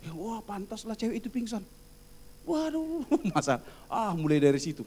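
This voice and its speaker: A man's voice: high-pitched, expressive, fairly quick, a little mellow. A middle-aged man from Indonesia giving a humorous sermon as preacher, acting out quoted voices in his stories and laughing often. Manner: frequent laughter.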